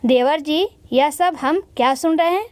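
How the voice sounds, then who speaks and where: A woman voicing a calm, polite young sister-in-law who soothes the family. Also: high-pitched, unhurried, no room sound.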